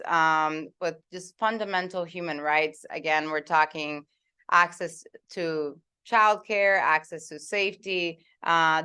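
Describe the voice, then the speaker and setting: Woman, panel moderator, lowish smooth voice, hesitant fillers. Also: bright, forceful tone. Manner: many fillers, thoughtful pauses. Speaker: policy fellow and moderator. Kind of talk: panel discussion.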